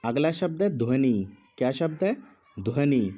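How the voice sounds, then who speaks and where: Slow, deliberate male teacher. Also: medium pitch, lively intonation, narrow, tinny audio. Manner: speaks slowly with pauses, repeats each word. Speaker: Hindi teacher. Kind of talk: slow dictation lesson.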